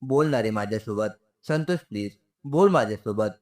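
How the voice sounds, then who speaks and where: A man's voice: lowish voice, expressive, moderate pace, darkish tone, close to an everyday voice. A man voicing a remorseful young woman who pleads and apologizes through tears in a storybook narration. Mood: remorseful pleading. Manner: tearful, apologetic, begging.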